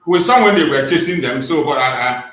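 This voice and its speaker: Nigerian man hosting, high-pitched and echoey. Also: lively intonation, fairly quick, a crowd in the background. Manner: emphatic, repetitive. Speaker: host of a live online political discussion. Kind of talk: live call-in commentary. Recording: roomy, echoing online stream.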